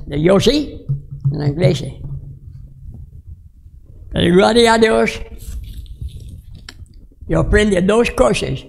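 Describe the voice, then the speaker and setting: A man in his sixties, a pastor from the United States, preaching a storytelling sermon in halting, broken phrases full of restarts. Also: sits high, vocal fry, a little mellow. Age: 60s.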